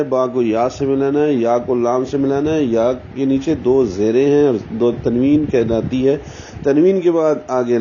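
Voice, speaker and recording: A man teaching Quran recitation, explaining each letter slowly and deliberately, and sounding out syllables as models. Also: medium pitch, warm tone. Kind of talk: tajweed lesson, explaining pronunciation. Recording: dull, slightly muffled sound with faint hiss.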